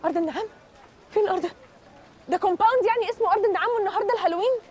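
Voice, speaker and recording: Young Egyptian woman, frantic and pleading, very high and fast, rattled, with faint music underneath. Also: darkish tone. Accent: Egyptian Arabic. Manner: pleading, rattled, quick to snap back. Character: frantic young woman searching for her lost little brother.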